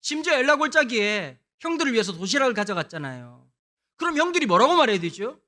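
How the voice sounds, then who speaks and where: A middle-aged man from Busan, preaching a lively revival sermon with humorous storytelling, swinging between hushed and loud. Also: extremely high pitch, fast talker. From Busan, South Korea. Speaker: guest pastor.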